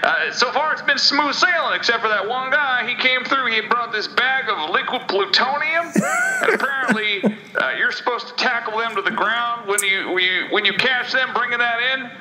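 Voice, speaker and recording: A man's voice: very high-pitched, normal speed, roomy sound, noisy background. Give me a man leaving a rambling, joking voicemail over a landline phone. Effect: voicemail played over a landline phone.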